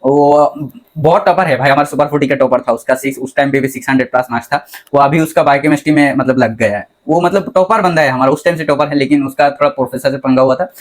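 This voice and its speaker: A man's voice: medium pitch, quick pace. A young man interviewing fellow medical students in a casual chat, laughing often and dropping English phrases. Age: young adult.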